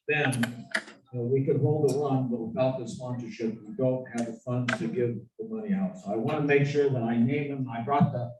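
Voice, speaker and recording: A man's voice: medium pitch, darkish tone. A man at a club meeting giving a recap of an event and thanking sponsors, in a slightly rambling way. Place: meeting room. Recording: roomy, distant with clear noise.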